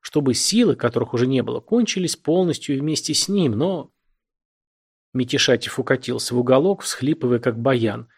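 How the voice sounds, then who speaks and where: A man narrating a literary novel aloud in a measured, expressive reading. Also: mid-range voice, vocal fry, slightly rough. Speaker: audiobook narrator.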